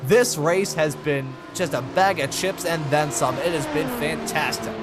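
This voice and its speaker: Male motorsport commentator, high voice, dramatic and effusive play-by-play over clearly audible music. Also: normal speed.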